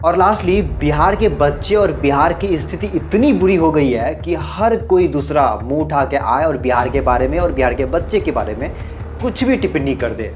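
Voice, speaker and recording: A man's voice: a little high, lively intonation, normal speed, darkish tone, muffled recording, faint music behind. A man from Bihar gives earnest commentary, asking rhetorical questions and mixing in English terms. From Bihar, India. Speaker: YouTube commentator. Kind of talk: explanatory social commentary.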